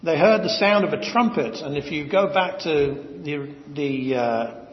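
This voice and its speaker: Slow-preaching man in an echoing hall. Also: fairly high pitch. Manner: slow, deliberate, with rising emphatic stresses. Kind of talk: expository sermon. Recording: dull lo-fi sound with long hall reverb.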